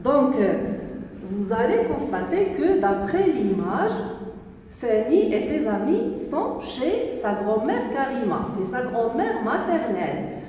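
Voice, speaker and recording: Slow, deliberate woman teacher in an echoey room. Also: on the high side, big pitch swings, dark tone. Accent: Moroccan French. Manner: slow, syllable-by-syllable, with many repetitions. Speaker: primary school teacher. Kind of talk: recorded reading lesson for young children. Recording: echoey room, distant mic, faint noise.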